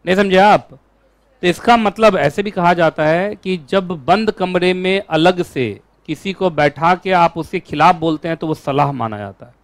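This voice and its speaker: Male law lecturer, animated, keeps questioning the class; higher voice, dry close recording. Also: measured pace, dry recording. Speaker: law teacher.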